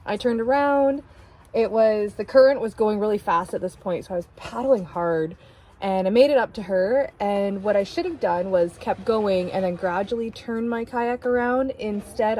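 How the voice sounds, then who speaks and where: A woman recounting a river mishap in vivid, step-by-step detail. She speaks at an everyday middle pitch, and a faint outdoor hush sits under her voice. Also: a little hiss or hum, poor audio. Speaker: vlog co-host, kayaker. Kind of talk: casual storytelling.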